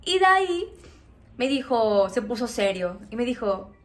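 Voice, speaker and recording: A woman with a Mexican accent speaks in a high voice, unhurried and drawn out. She tells a personal story to her viewers in a chatty, animated way. She keeps checking in with them as she goes. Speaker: vlogger. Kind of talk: casual storytime.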